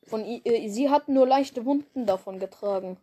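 A woman's voice: on the high side, normal speed, dark tone. A young woman reading her own fanfiction aloud, casual and stumbling over words as she corrects herself.

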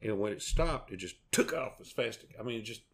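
Podcast co-host, male, middle-aged, Southern US accent, fairly deep, down-home and rambling. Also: lively intonation, normal speed. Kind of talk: folksy casual chat.

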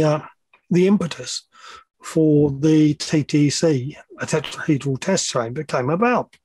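The audio is poor and dry, carrying a fairly high-pitched male voice. He's a middle-aged loudspeaker measurement engineer being interviewed on a podcast, sometimes hesitant as he explains technical topics and adds frank asides.

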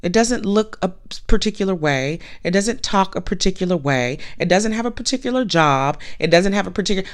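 A woman's voice: mid-range voice, lively intonation, fairly quick, hardly any pauses. A woman podcast host giving a blunt, emphatic motivational monologue, repeating her points and swearing casually.

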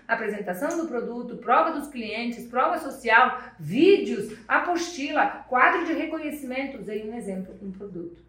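A woman's voice: high voice, fairly bright tone. Emphatic woman sales trainer, roomy distant sound. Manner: emphatic, repeats key phrases, colloquial. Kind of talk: motivational training talk. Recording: roomy sound from away from the mic.

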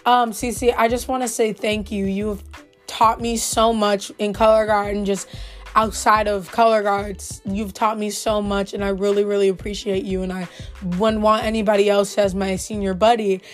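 A woman's voice: mid-range voice, little pitch movement, moderate pace, soft background music. A young woman telling a casual, profane and gossipy story in a vlog about her color guard trip. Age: young adult. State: voice recovering from being lost. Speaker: color guard senior vlogging.

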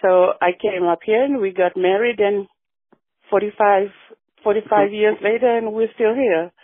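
A woman talks through her life in a relaxed, reflective way. Her voice sits at a middling pitch. It comes through a thin, phone-like radio line with no room sound. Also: moderate pace, no echo. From Fiji. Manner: warm, reflective storytelling with frequent yeahs. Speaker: guest. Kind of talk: casual radio interview.

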